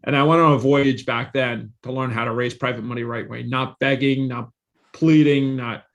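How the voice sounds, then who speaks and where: On a lo-fi recording, a man in his forties speaks at a moderate pace with fairly even intonation, his medium-pitched voice creaky and a bit bright. A real estate investor guesting on a podcast, he recounts his career confidently and in a salesy way, repeating points for emphasis.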